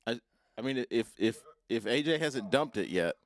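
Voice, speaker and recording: A man's voice: mid-range voice, animated, moderate pace, dry recording. A man co-hosting a talk radio show, cracking wry jokes in casual banter.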